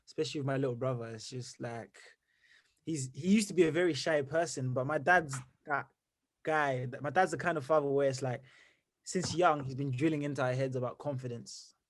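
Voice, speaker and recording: A young man from Zimbabwe, a musician answering interview questions in an energetic, rambling way full of fillers. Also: medium pitch, a little fast. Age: young adult. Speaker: musician guest.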